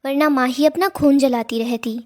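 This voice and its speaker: A woman reading the lines of a warm, homely elderly grandmother in a drama recap. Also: high voice, steady tone, moderate pace, lightly acted.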